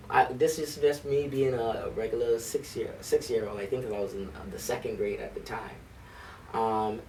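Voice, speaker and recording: The band director's mid-range, darkish voice comes through poor audio from a far-off mic, with a little background noise. Sitting in a library for a casual interview, he tells eager stories peppered with ums and restarts.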